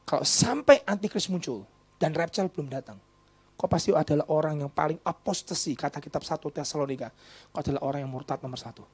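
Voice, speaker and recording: A man with a high voice preaches a sermon in a church. He swings dramatically between loud, forceful declarations and quiet whispers, with casual asides and bits of slang. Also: husky. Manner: uses mixed casual slang and quick English asides. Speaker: pastor.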